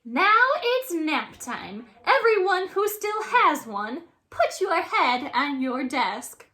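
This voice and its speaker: A woman's voice: high voice, big pitch swings, slow pace, pushed and bright, voice pushed up, full character voice. A woman voicing a gleeful, menacing monster schoolteacher in a children's storybook, commanding and smirking. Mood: mock sweet.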